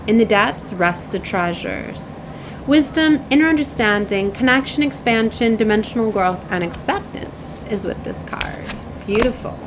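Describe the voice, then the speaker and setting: This host delivers oracle card messages in a declarative, mystical, solemn tone, dropping in casual asides as she runs a spiritual card reading. Her voice is fairly high-pitched. Background noise can be heard.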